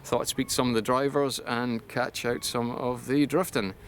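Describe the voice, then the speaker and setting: A man's voice: mid-range voice, fairly even intonation, moderate pace, a little hiss or hum. A Scottish man hosting, chatting casually with drivers at an outdoor drift event and repeating their answers back to them. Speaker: host. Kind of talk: casual interviewing at a motorsport event.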